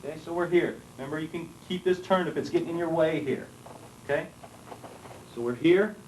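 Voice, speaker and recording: A man, a martial arts instructor, calmly explaining moves step by step while he demonstrates them, heard from a worn VHS tape copy. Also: on the high side, fairly quick. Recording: faint hiss, roomy, voice from far off the camera mic on old tape.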